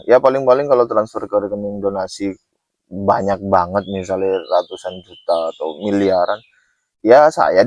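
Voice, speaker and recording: A man hosting his own channel, making a casual announcement to viewers and spelling out details slowly and repeatedly. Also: low-pitched, darkish tone, no room sound. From Indonesia. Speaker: channel host running a book donation drive. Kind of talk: casual direct-to-camera announcement.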